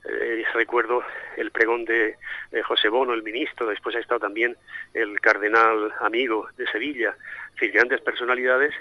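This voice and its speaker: Over a dull, phone-like lo-fi connection, a middle-aged priest with a Spanish accent answers interview questions reflectively, often stalling and repeating while he gropes for words. He comes from Spain, born in Santomera, Murcia, and raised in Madrid. His mid-range voice is delivered flatly at a normal speed, with no room sound.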